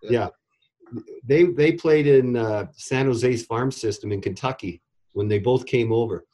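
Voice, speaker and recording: A man's voice: mid-range voice, a little slow, dark tone. A middle-aged man, a former goalie coach, telling stories in a casual interview and repeating words as he restarts sentences. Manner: rambling, repeats words when starting sentences.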